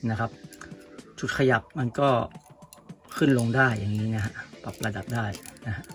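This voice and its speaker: Male vlog host reviewing toys, easygoing and chatty, soft music under him. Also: on the low side, moderate pace. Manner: relaxed, chatty, polite particles. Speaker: toy reviewer. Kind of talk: casual toy review vlog.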